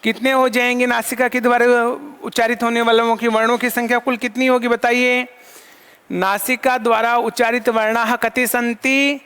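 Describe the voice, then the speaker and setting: A man's voice: extremely high pitch, flat delivery, normal speed, pushed and bright, clear, resonant tone. A man teaching an online lesson, asking questions and answering them himself and counting items aloud. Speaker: Sanskrit teacher. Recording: long hall reverb.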